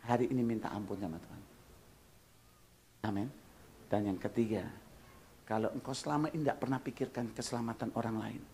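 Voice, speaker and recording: A male pastor preaching a storytelling sermon, animated, swinging from loud exclamations to hushed prayer and slipping into Javanese phrases. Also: lowish voice, brisk, pauses often, slight background noise. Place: church retreat hall.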